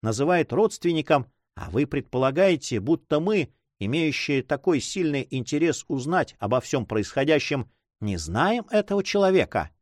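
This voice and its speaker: A man's voice: a little high, very animated, normal speed, no room sound, clean studio sound, voice pushed up. A man voicing an anxious, pleading noblewoman who runs an inn, in a raised voice in an audiobook. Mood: urgent. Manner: insistent, pleading.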